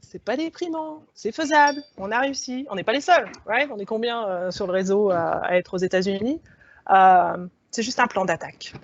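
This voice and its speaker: A woman appears as an alumna guest on a panel discussion, speaking frankly and with lively animation, laughing as she goes. Her voice is medium-pitched at normal speed, and the dull lo-fi recording carries a little hiss or hum.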